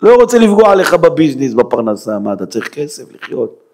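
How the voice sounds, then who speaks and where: A man preaching as a rabbi, dramatic and emphatic, swinging from hushed near-whispers to loud exclamations and rhetorical questions. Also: a little high, very animated. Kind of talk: Hebrew sermon.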